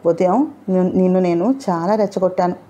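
A woman's voice: lowish voice, flat delivery, fairly quick, warm tone, natural voice. A woman narrator voicing a playful, spirited young woman in love who teases and speaks from the heart. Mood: heartfelt. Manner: teasing, then openly heartfelt.

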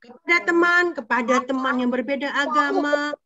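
A high-voiced woman teaches Sunday school with an animated, coaxing delivery, firing questions at the children. The recording is dull and lo-fi. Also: moderate pace, background noise. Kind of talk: lively sermon for children.

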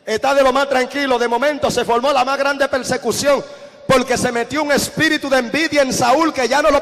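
A man preaching an impassioned sermon, telling his story and repeating phrases as he builds to shouted exhortations. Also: extremely high pitch, gravelly, in a large hall. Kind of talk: fiery sermon.

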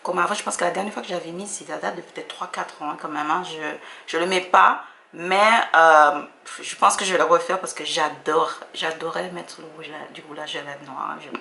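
A woman's voice: low-pitched, fairly even intonation, brisk, gravelly, pushed and bright, reverberant, a little hiss or hum. A woman with a Caribbean French accent, chatting casually with self-mocking asides. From Dominica. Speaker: vlogger reacting to her old video. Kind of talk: casual reaction commentary.

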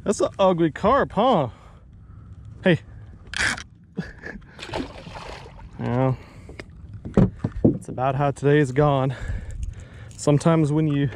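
A man's voice: mid-range voice, darkish tone, a little hiss or hum. A man in his thirties giving casual, self-mocking running commentary while fishing from a boat and talking to his dog. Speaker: fishing vlogger. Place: outdoors on a bass boat on a lake. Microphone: action camera on the boat.

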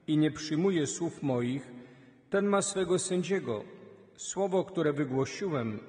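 A man, a priest reading the Gospel and leading the prayers at Mass in a steady liturgical way. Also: on the high side. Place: large church. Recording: long church reverb.

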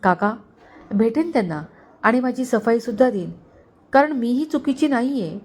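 A woman's voice: on the high side, expressive, moderate pace, a little mellow, husky, pitched above the performer's own voice. A woman voicing a young heroine who speaks earnestly and emotionally, hurt but sincere.

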